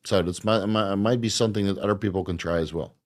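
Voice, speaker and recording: A man's voice: lowish voice, fairly even intonation, fast, a little mellow. A man hosting a casual livestream, reading out viewer questions and explaining his answers at length with frequent fillers. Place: at home.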